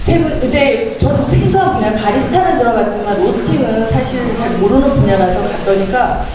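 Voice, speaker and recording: With a loud crowd around her, a middle-aged woman from Gangwon, speaking in that Korean dialect, chats as a guest about a local club and shares her story, using lots of fillers. Her fairly high voice has lively intonation and a fairly quick pace; the audio is distant and echoey in a noisy community meeting room.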